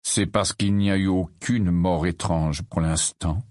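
A man voicing a brooding, bitter man who speaks low, quietly and slowly. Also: fairly even intonation, no echo, clean studio sound. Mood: calm.

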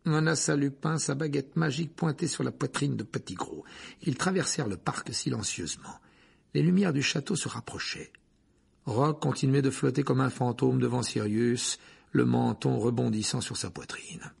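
A man reading a fantasy novel aloud as audiobook narrator, telling it dramatically with hushed passages. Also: mid-range voice, normal speed. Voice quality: husky, gravelly. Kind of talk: scripted narration.

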